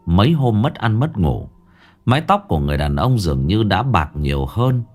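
A man narrating a ghost story in a grave, expressive storytelling voice. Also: on the low side, normal speed, faint music behind.

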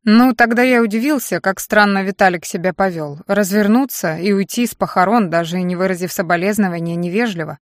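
A woman's voice: mid-range voice, fairly quick, few pauses, no echo, close to an everyday voice. A woman putting on a cocky young man, offhand drawl, mumbling, audiobook, dry close sound. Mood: musing. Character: wary young man, brash and casual.

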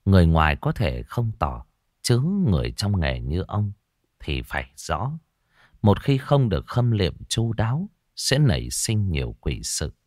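Low-voiced man narrating a ghost story. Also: big pitch swings, measured pace, a little mellow, no room sound, studio quality.

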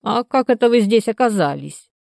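A woman voicing a hoarse, half-drunk old male canal watchman who grumbles slowly and muses aloud. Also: fairly low pitch, dark tone, no room sound, studio quality, close to an everyday voice. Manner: grumbling, slow and musing.

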